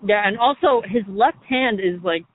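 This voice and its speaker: A man chatting casually as a podcast co-host in a deadpan, teasing way, talking outdoors near a road. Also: high-pitched, normal speed. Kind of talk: casual chat. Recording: tinny, dry phone line.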